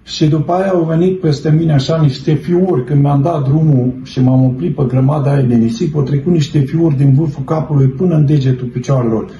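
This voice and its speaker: A man's voice: a little high, steady tone, few pauses, mellow. Earnest middle-aged man in a roomy space. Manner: earnest, fervent, addresses listeners as brethren. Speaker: person giving a testimony. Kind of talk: personal religious testimony, storytelling. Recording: roomy, dull, slightly noisy.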